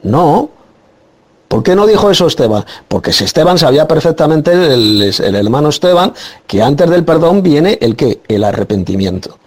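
A man's voice: a little high, very animated, normal speed, darkish tone. A man arguing a Bible passage in a preaching style, insistent and repeating his point emphatically. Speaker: Bible teacher in a debate. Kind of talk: preaching argument.

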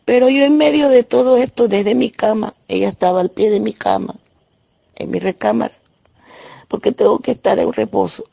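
Brief: Panamanian woman giving a church testimony from her bed at home, rough gravelly voice, stop-start delivery. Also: on the high side, mellow, dry recording. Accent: Panamanian Spanish. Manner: halting, with many restarts. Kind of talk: personal religious testimony.

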